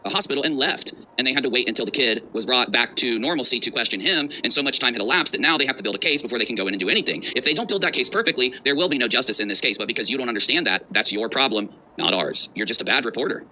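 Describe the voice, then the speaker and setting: A male streamer reacts mockingly at a quick clip, his medium-pitched voice expressive, very bright and forceful, heavy with sarcasm and emphasis. The recording is low quality with a little hiss or hum.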